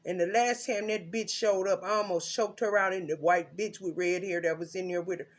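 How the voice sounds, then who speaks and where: A woman's voice: on the low side, fairly even intonation, a little fast. Woman ranting with heavy profanity. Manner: cursing, loud and emphatic, swings between shouting and muttering. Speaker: tarot reader. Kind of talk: rambling profane rant.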